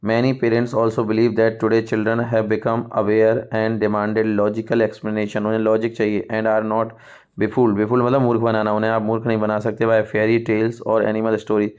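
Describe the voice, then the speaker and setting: An Indian male English teacher speaks in a low, steady voice that hardly rises or falls, clear and smooth. He reads English lines aloud slowly, then explains them in Hindi. The sound is a little dull and lo-fi. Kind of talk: exam-prep lesson.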